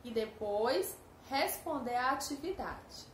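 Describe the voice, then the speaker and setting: A woman with a Brazilian Portuguese accent teaching a first-grade lesson, slowly sounding out syllables for young children. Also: high voice, expressive. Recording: echoey room with faint ambient noise.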